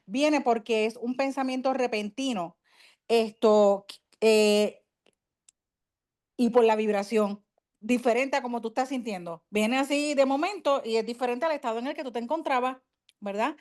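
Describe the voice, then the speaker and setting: A woman with a Puerto Rican Spanish accent, calmly explaining a point on a video call. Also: on the high side, normal speed. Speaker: study group participant.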